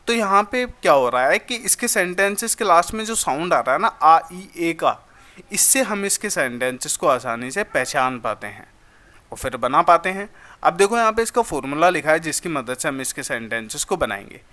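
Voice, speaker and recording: Bright-voiced man teaching grammar. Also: sits high. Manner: addresses listeners as brother, slow drawn-out example sentences. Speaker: English teacher. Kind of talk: explaining grammar lesson.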